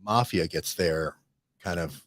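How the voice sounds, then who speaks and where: A man hosting a casual studio discussion, rambling and animated, often restarting and checking in with "right?". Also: sits low, slow, no room sound. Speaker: host.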